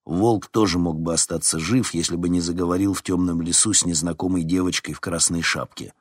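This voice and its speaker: A sardonic teenage schoolgirl with a dry, knowing delivery, as the narrator puts her on. Husky low voice, close and dry recording. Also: fairly even intonation, fairly quick, no room sound.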